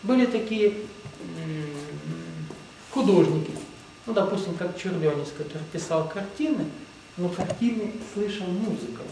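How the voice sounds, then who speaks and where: Recorded from afar in an echoing room with slight background noise, a man lectures on spiritual matters in a rambling, emphatic way. His voice sits high and is gravelly and warm, his pace unhurried, and he keeps repeating "ну, допустим", meaning "well, let's say".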